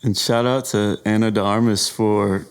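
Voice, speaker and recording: Male co-host with a slightly low voice, wry and teasing, casual film talk. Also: steady tone, moderate pace, clean tone. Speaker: podcast co-host. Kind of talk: casual film podcast chat.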